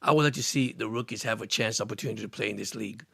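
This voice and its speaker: Rapid-fire and creaky, with a lowish, fairly bright, slightly rough voice, the host of a casual sports live stream rambles earnestly, repeating himself and restarting as he responds to viewer comments. He's around sixty, Cuban-born and Miami-raised, and the dry studio-microphone recording sounds clean.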